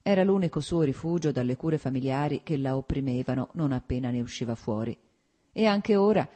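Audiobook narrator, woman, low, dark, husky; measured literary reading. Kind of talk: scripted narration.

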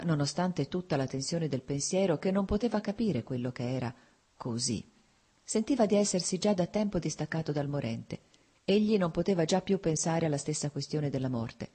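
A narrator giving a measured, even reading of a classic novel as an audiobook. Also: mid-range voice, slightly rough.

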